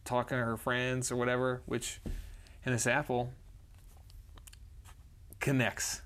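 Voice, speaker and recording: A man's voice: medium pitch, slow. A man co-hosting a podcast, telling stories in casual chat and acting out other people's lines with laughter. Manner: animated, acts out other people's lines in quoted voices. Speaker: podcast co-host.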